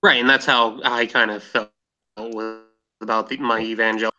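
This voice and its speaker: A man's voice: lowish voice, flat delivery, normal speed, bright, forceful tone, soft background music. A man hosting a casual podcast discussion, hesitant with frequent ums and restarts. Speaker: podcast host. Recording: dull lo-fi mic.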